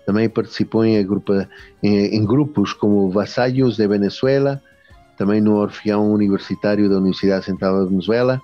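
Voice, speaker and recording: A man hosts an interview, reading a long biography haltingly, with restarts and filler sounds. His voice sits fairly low and mellow. The audio is muffled and lo-fi, with faint music underneath.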